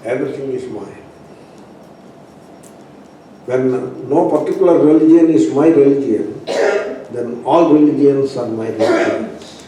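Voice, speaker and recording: A man with an Indian accent giving a philosophy discourse as a spiritual teacher, speaking emphatically and repetitively with pauses. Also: medium pitch, mellow. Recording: echoey room, distant mic, faint noise.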